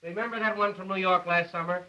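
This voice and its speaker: An actor playing a breezy, teasing reporter in 1930s screwball comedy banter, recorded on an old film soundtrack. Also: male voice, high voice, steady tone, quick pace, sharp tone, lo-fi sound. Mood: needling. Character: breezy, needling pressroom reporter.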